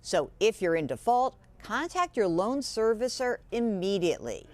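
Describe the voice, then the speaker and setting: A woman business analyst delivering a measured, explanatory news report. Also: medium pitch, very animated, darkish tone, no echo.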